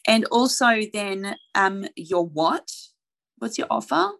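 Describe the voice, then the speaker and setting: A woman's voice: mid-range voice, animated, slow, creaky, fairly bright tone. A woman brand strategist in casual conversation, earnestly explaining her ideas and firing off rhetorical questions, with plenty of "you know". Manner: earnest, asks rhetorical questions, many fillers. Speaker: brand strategist and mentor, podcast guest.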